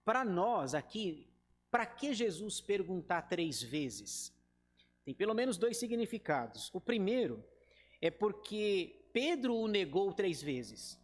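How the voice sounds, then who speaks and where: High-voiced Brazilian pastor in a reverberant hall. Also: male voice, sing-song, slow pace. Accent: Brazilian Portuguese. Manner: talks to the group directly and acts out quoted speech. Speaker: pastor teaching a Bible study. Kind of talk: conversational Bible study lesson.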